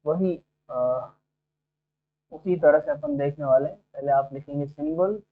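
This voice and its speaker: A man's voice: on the high side, steady tone, a little slow. A male teacher giving a phonetics lesson to exam students, explaining step by step and checking in with frequent "okay?" tags. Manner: explains step by step, often asks 'ठीक है' and 'है ना'. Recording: tinny phone-like sound.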